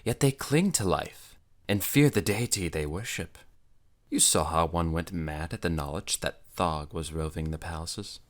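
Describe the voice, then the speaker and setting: A cool, worldly young noblewoman, read by a man, calm and knowing as she tells of terrible things. The voice stays low and unhurried, in audiobook narration. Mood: ominous. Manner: calm, matter-of-fact storytelling of dread. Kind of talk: audiobook character voice.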